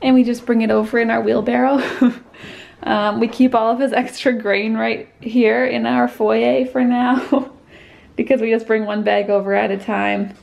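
A woman's voice: fairly high pitch, flat delivery, moderate pace, gravelly, a little mellow. A woman giving a chatty, explanatory barn tour on a handheld camera, laughing often as she walks through a horse barn and paddock. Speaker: vlogger. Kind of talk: casual barn tour narration.

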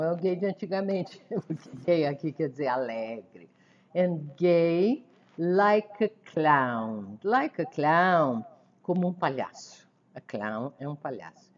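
In a song-based language lesson, a low-voiced, lively English teacher works through lyric lines slowly and then explains them in Portuguese. The sound quality is dull and lo-fi.

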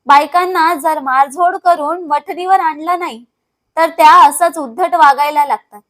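A woman's voice: high-pitched, unhurried, fairly bright tone. A woman reading aloud voices a young husband who talks in a harsh, dismissive way.

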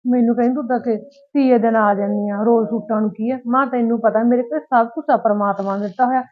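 A woman's fairly high, natural voice comes through fast and steady, with a tinny phone-like quality. She's acting the part of a married daughter visiting her parents in a village short film, speaking with a Punjabi accent and complaining in an aggrieved, emotional way.

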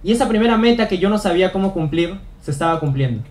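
A man's voice: high-pitched, animated, fast talker, darkish tone. A young man giving an earnest motivational talk on stage, repeating phrases for emphasis. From Peru. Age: young adult. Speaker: student speaker. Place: auditorium stage.

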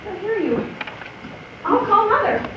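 Very high-voiced, proud young woman acted by a woman. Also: sing-song, unhurried, exaggerated voice. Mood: uneasy. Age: young adult. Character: shy but proud young woman, earnest and stubborn. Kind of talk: live stage play acting. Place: theatre in the round, far camera. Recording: muffled, noisy camcorder, echoey theatre, distant.

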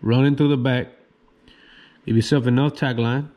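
A man's voice: mid-range voice, fairly even intonation, highs cut off. Laid-back man showing knots. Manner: laid-back, slow, step-by-step instructions. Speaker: fishing channel host. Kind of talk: casual how-to demonstration.

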